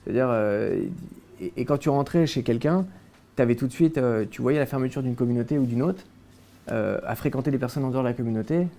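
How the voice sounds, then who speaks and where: A man's voice: medium pitch, a little fast, mellow. A young man from France, a guest in a casual interview, recounting his childhood with many hesitations and restarts.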